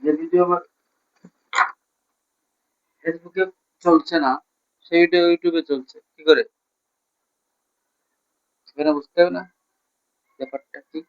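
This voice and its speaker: A man chatting casually with his wife in a low-key way, often mumbling quietly. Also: steady tone, takes it slowly, long pauses, no echo, phone-quality sound. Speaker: vlogger's husband.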